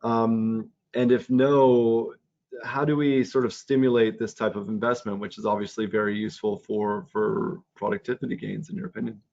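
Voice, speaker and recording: A Canadian-accented man with a fairly low voice moderates a webinar over a video call, stumbling and restarting as he frames his questions. The audio is dull and lo-fi. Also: flat delivery, vocal fry, a little mellow. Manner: halting, restarting questions with many ums. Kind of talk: online webinar discussion.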